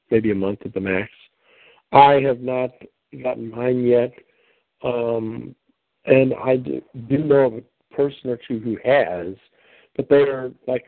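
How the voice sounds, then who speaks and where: Gravelly man hosting over a phone line. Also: mid-range voice, dry recording. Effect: heard over a phone line. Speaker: host of a conference call. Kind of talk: answering questions on a call. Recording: tinny phone line, dry.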